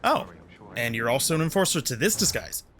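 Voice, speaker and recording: A man's voice: medium pitch, big pitch swings, a little fast, fairly bright tone, slight background noise. A man giving casual, sarcastic commentary while playing a video game. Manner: sarcastic, chatty. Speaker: gameplay commentator. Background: faint game music.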